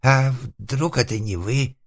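A man voicing a timid, easily frightened hermit who whines and wails in a shrill, trembling voice, in an audiobook. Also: lively intonation, unhurried. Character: frightened, whimpering male hermit behind a door.

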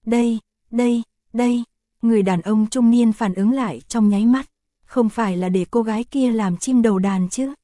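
A woman narrating an audiobook chapter in an even, unhurried reading voice, voicing the characters' lines in her own voice. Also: on the high side, no room sound.

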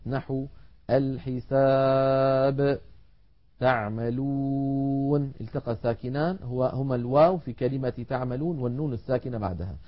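A male teacher of Quran recitation gives a patient, methodical televised lesson at a middle pitch. He stretches out each example word slowly before explaining it. The recording sounds dull and lo-fi. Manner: measured explanatory delivery, drawing out example words slowly.

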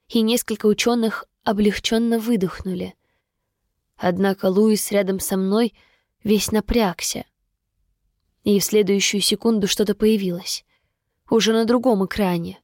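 A woman reading a first-person story aloud in an even, steady storytelling voice. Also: mid-range voice, moderate pace, no echo, studio quality. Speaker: audiobook narrator. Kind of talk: scripted first-person narration.

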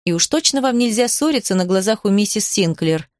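A woman voicing a sensible older aunt who gives calm, gentle advice. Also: medium pitch, a little fast, no room sound, clean studio sound, natural voice. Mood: gentle admonishing. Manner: calm, instructive, soft.

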